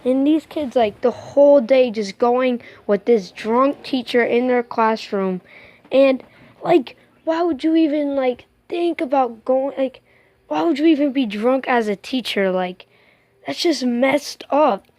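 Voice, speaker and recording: A woman's voice: high-pitched, measured pace, a little mellow, no echo. A woman hosting a casual countdown, rambling with restarts and indignant remarks. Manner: rambling, with frequent restarts and filler likes; indignant commentary. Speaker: host.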